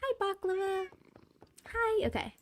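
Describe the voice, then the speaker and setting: A woman's voice: very high voice, sing-song, a little slow. A young adult woman streaming from a home gaming setup into a desk mic, chatting casually, giggly and rambling, often repeating herself. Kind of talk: casual live-stream chat. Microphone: desk microphone.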